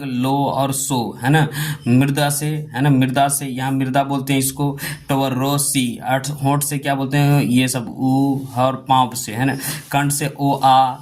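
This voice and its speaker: A man's voice: mid-range voice, darkish tone. A man teaching a grammar lesson who explains step by step, puts questions to the class and answers them himself, repeats phrases and adds frequent tag questions.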